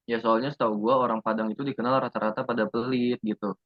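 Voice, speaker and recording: A man's voice: mid-range voice, flat delivery, fast, no room sound, lightly acted. A young man playing a blunt, prejudiced student. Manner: blunt slangy student talk. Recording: dry, slightly muffled.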